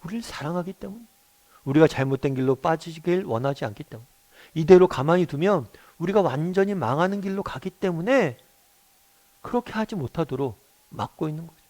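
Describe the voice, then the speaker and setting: A man's voice: a little high, expressive, brisk, a little mellow. A middle-aged male pastor giving a morning devotional sermon, earnest, often putting questions to his listeners.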